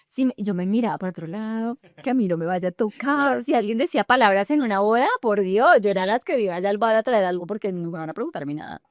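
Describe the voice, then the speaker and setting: A woman hosting a podcast interview, asking quick, animated questions. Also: medium pitch, dry recording. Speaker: podcast host. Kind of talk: conversational interview.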